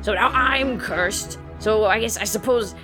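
A woman playing in a tabletop role-playing game, chatting quickly and laughing, now and then slipping into pirate talk. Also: mid-range voice, music in the background. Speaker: player. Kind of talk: tabletop role-play banter.

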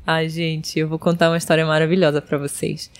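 A young adult Brazilian woman with a Brazilian Portuguese accent, a guest telling an animated story and acting out the voices of the people in it. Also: low voice, a little fast. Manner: expressive, acts out voices in her stories.

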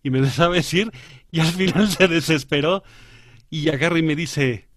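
A man's voice: a little high, moderate pace, fairly bright tone. A man chatting casually as a co-host, laughing often and using slang while he gropes for details. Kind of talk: casual chat.

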